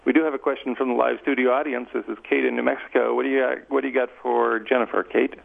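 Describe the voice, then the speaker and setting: Gravelly man hosting on a tinny line. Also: mid-range voice, little pitch movement, quick pace. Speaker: radio host. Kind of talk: hosting a call-in radio show.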